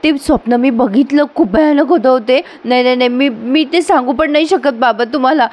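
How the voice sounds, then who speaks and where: A woman's voice: high voice, a little fast, a little mellow, lightly acted. A woman voicing a scheming young woman from a TV serial who fakes fear and sobs to her father. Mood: pleading. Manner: whiny pleading, put-on sobbing. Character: scheming young woman faking tearful fright.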